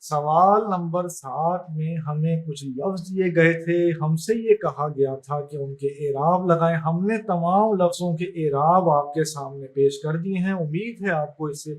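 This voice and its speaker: A male teacher giving a lesson, spelling out vowel marks in a slow, careful dictation. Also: a little high. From Pakistan. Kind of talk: classroom lesson.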